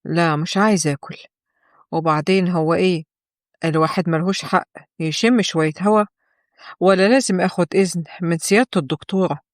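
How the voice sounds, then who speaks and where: A woman voicing a cold, scornful husband, speaking in a flat, lowered voice with an Egyptian accent. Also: a little fast, dry recording, clean studio sound, natural voice. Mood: curt. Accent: Egyptian Arabic.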